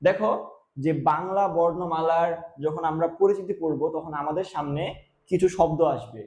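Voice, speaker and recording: Young male teacher, fairly high, mellow voice; quizzes himself aloud, punches key words. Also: fairly even intonation, normal speed, reverberant. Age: young adult. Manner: explains by asking and answering his own questions; stresses key terms loudly. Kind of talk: classroom lesson.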